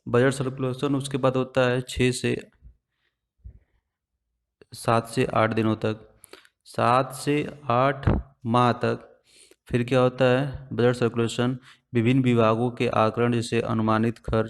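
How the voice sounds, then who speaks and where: In this exam-prep lesson, a man teaches one step at a time, regularly asking the class something and supplying the answer on his own. His pitch is mid-range and ordinary, with a clear, resonant tone.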